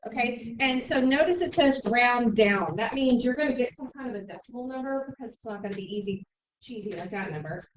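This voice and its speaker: A woman teaching a middle school math class, briskly explaining steps and checking in with "okay?" often. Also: a little high, expressive. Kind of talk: classroom instruction. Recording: echoey room, mic far off, faint noise.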